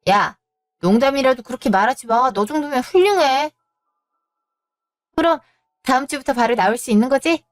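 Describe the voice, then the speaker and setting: Audio drama: upbeat friend and academy owner, brisk, encouraging, read by a woman. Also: high-pitched, animated, faint music behind, pitched above the performer's own voice.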